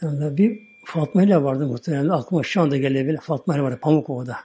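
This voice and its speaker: A man preaching a sermon, telling a story in a folksy, repetitive, animated way. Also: a little high, rapid-fire, slightly rough.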